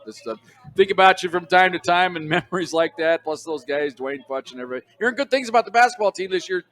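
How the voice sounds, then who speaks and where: A man's voice: high-pitched, fast talker, fairly bright tone. An older man calling a college football game on radio, chatty and fond of telling stories between plays. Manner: storytelling, chatty, chuckling. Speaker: play-by-play announcer. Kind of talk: radio sports commentary. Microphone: broadcast booth microphone.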